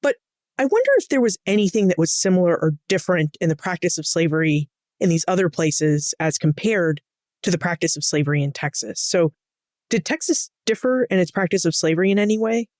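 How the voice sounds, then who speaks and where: Measured woman podcast host. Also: fairly low pitch, lively intonation, darkish tone, dry recording, clean studio sound. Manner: measured, thoughtful questioning. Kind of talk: interview questions.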